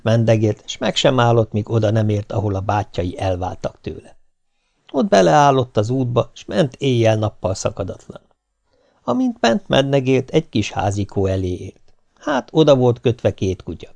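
Gravelly man reading folk tales. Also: medium pitch. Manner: lively, expressive storytelling. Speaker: audiobook reader. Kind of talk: folk tale narration.

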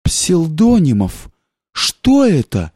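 A man voicing a pompous older general who shouts in a shrill, outraged way. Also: animated, slow, no echo, studio quality.

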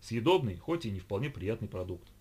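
A man narrating an audiobook in a steady, even storytelling manner. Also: lowish voice, brisk, husky. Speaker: audiobook reader. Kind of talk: scripted narration.

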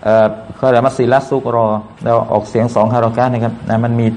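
Man teaching recitation, flat delivery. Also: medium pitch, slight background noise. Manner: patient, repeats sounds slowly to demonstrate. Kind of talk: tajweed lesson with slow chanted recitation.

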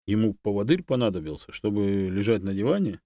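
A man's voice: lowish voice, animated, fairly quick, mellow, no echo, clean studio sound. A man voicing a male guide dog, earnest and easily offended, who defends himself indignantly.

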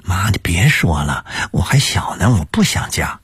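A man's voice: deep voice, very animated, moderate pace, a bit bright, husky, dry recording, studio quality, heavily acted. A man voicing a shy, playful teenage daughter, pleading coyly. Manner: coy, pouting pleas.

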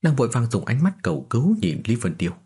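A man narrating a fantasy novel as an audiobook, in steady scripted storytelling. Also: mid-range voice, quick pace, husky.

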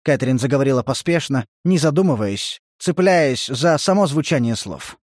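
A man reading a novel aloud as audiobook narrator, in a measured, even manner. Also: mid-range voice, no echo, clean studio sound. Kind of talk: scripted literary narration.

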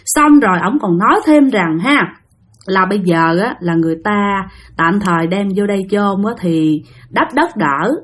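A woman with a Southern Vietnamese accent telling a ghost story in a chatty way, speaking straight to her listeners. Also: mid-range voice. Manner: chatty, addresses listeners directly. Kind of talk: spoken ghost-story narration.

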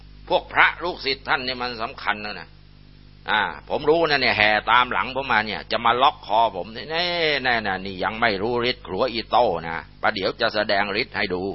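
Boastful rough old magician played by a man, barking orders, raised loud voice, storybook telling, muffled recording. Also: mid-range voice, expressive, brisk, voice pushed up, close to an everyday voice. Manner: boastful, rough, shouting commands.

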